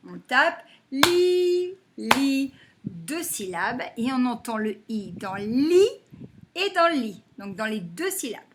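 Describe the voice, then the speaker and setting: Slow, lively woman teaching phonics. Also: fairly high pitch, background noise. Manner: slow and deliberate, stretching and clapping out words syllable by syllable. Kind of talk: phonics lesson for young children.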